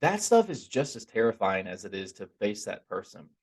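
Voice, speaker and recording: A man giving an informal, earnest spiritual talk in a conversational, stop-and-start way, his r sounds softened toward w. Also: lowish voice, big pitch swings, normal speed, slightly rough. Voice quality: trouble pronouncing r, softened toward w. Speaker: religious teacher giving a talk.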